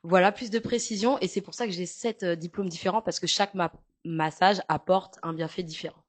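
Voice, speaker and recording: A young woman with a Parisian French accent speaks in a lowish voice, brisk and fairly even in intonation. She's a massage therapist talking frankly in a casual interview, full of fillers and jokes.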